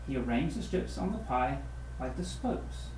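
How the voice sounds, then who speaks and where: A man's voice: mid-range voice, expressive, normal speed, creaky. A man reading a children's storybook aloud as a teacher would to a class. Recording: roomy echo with noisy hiss.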